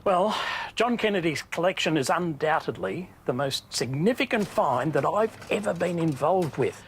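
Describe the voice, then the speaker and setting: A man with a slightly high voice speaks as a football historian. He is measured and serious, weighing each claim. Faint background noise sits under his words. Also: animated.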